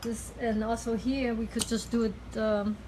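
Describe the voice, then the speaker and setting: A woman with talks through a hands-on treatment as the practitioner. She is instructive but halting, pausing to find her words. There is clear noise behind her in the room. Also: on the high side, level tone. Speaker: acupuncturist giving a cupping treatment. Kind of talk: explaining a treatment in casual talk. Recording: clearly noisy room recording.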